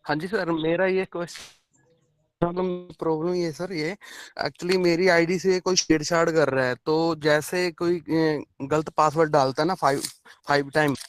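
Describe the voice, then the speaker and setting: A man's voice: on the high side, fairly even intonation, normal speed, smooth, dry recording. Worried male caller on a choppy, breaking call line. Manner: worried, keeps repeating hello. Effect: choppy call audio breaking up. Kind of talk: live call-in question. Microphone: phone or online call.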